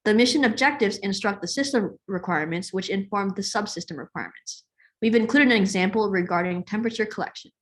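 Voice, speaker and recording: A young woman from California presenting her part of a student project on a video call, in an even scripted delivery. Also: mid-range voice, quick pace.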